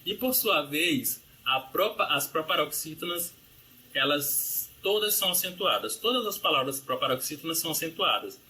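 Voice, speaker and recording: Bright-voiced man teaching grammar. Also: on the high side, expressive, moderate pace. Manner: explanatory, frequent tag questions like "né?" and "ok?"; lists rules and word examples. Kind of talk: recorded grammar review lesson.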